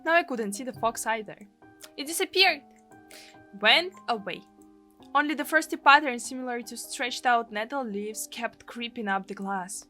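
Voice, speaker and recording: A Russian woman gaming streamer with a Russian accent expressively reads a translated visual novel aloud in a let's play, voicing a live translation. Her voice is a little high with a sharp tone at a moderate pace, and soft background music plays.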